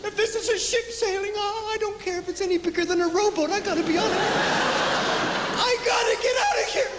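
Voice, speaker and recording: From an echoing, noisy hall comes a man playing a bewildered young gentleman in a stage comedy. He declaims his exasperation in a very high, agitated voice. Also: a little fast. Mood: exasperated, bewildered. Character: exasperated, bewildered young master, lovesick traveler. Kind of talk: theatrical stage comedy acting.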